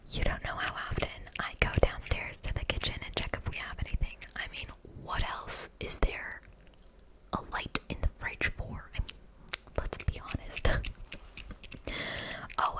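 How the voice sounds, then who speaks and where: A woman in her twenties from Germany, whispering softly in a casual ASMR question-and-answer chat, with lots of fillers. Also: poor audio. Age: 20s. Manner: soft unvoiced whisper, chatty with fillers. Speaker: ASMR YouTuber.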